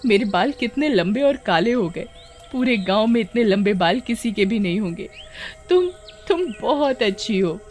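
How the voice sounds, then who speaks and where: A woman voicing an excitable young village girl in a cartoon, breathless and eager. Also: on the high side, moderate pace, soft background music, natural voice. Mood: excited.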